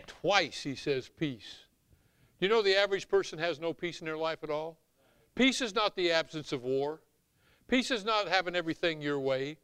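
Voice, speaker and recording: A middle-aged or older man preaches with a Southern US accent. His voice is somewhat high, bright and clear, with a dry, close sound. He delivers scripture and commentary in a folksy, emphatic sermon style. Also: lively intonation, normal speed, no echo. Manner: emphatic, folksy, swinging from hushed asides to shouts. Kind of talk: animated sermon with scripture reading.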